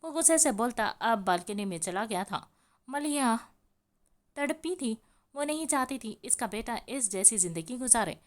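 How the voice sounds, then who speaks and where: A woman narrating a romance novel as an audiobook. Her reading is steady and expressive, carrying the story along evenly. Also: a little high.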